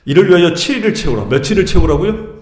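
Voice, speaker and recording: A middle-aged man preaching a sermon as pastor, animated and putting questions to the congregation. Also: high voice, quick pace, echoey room. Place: church sanctuary.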